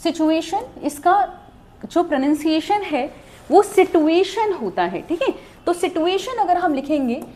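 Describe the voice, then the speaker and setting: A woman's voice: extremely high pitch, lively intonation, measured pace, warm tone. A woman teaching a shorthand class online, explaining step by step and often checking that students follow. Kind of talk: online lesson.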